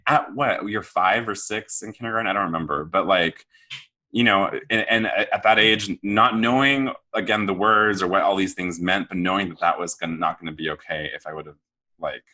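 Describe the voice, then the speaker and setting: A man around thirty from Southern California rambles through a self-deprecating story in casual podcast talk. His voice sits very low yet sounds bright and forceful. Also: moderate pace. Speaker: podcast co-speaker.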